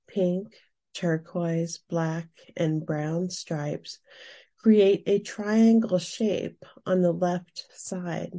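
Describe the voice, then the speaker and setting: A woman reading scripted explanatory narration with soft, breathy tone and deliberate phrasing. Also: fairly low pitch.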